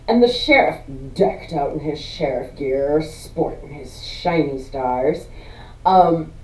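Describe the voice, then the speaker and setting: A woman co-hosting a casual movie review chat, animated, laughing often and swearing freely. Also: deep voice, takes it slowly. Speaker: podcast co-host. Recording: roomy, distant mic, dull sound.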